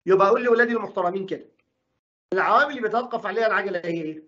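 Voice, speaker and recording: Fast-talking Egyptian physics teacher. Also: male voice, high voice, sharp tone. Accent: Egyptian Arabic. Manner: asks questions and answers them himself, voices imagined student objections. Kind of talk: recorded classroom lesson. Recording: dull lo-fi recording.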